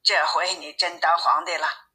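A woman voicing a timid fisherman who pleads gently with his wife in a storybook reading. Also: fairly low pitch, steady tone, normal speed, slightly rough, heavily acted. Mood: meek. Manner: meek, pleading. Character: timid, fearful old fisherman husband.

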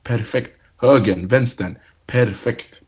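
A young man, a football player being interviewed, telling stories casually with lots of fillers and slang, and growing animated when he acts out what others shouted. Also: mid-range voice, slightly rough. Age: young adult. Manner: relaxed, animated when retelling, heavy "du vet" fillers and street slang. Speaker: youth football player, guest.

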